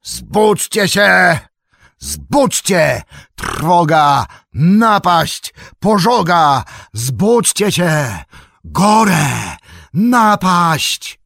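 A man narrating an audiobook in a measured, expressive reading. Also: low-pitched, husky, dry recording, clean studio sound. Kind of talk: scripted narration.

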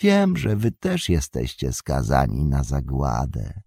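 A man voicing a bitter, scornful fallen old wizard turned beggar, with a gravelly, husky voice and drawn-out mocking speech. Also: a bass voice, animated, darkish tone, no room sound, studio quality, exaggerated voice. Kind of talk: audiobook character reading.

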